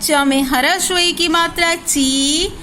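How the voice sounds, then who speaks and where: A woman's voice: extremely high pitch, fairly even intonation, slow, bright, forceful tone, slight background noise, poor audio. A woman teaching a class of young children, spelling out words syllable by syllable and asking questions that she then answers herself. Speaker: primary school teacher. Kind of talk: slow, drilled recitation lesson for young children.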